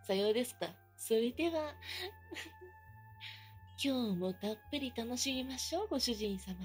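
A woman's voice: a little high, lively intonation, a little slow, faint music behind. A woman performing an adult roleplay as a maid, speaking in polite maid phrasing with a mocking, teasing manner and frequent giggles.

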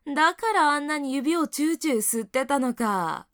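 A woman playing a young adult senior colleague in a second-person audio role-play, scolding her junior and then softly doting and teasing him. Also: high-pitched, animated, moderate pace, no room sound, clean studio sound. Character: bossy yet doting older female coworker, young adult.

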